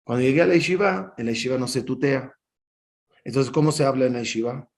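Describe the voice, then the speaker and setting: A man, a rabbi, teaching a Torah class over a video call, an animated storyteller who acts out dialogue with big swings in his voice. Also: mid-range voice, quick pace. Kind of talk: lively teaching with anecdotes.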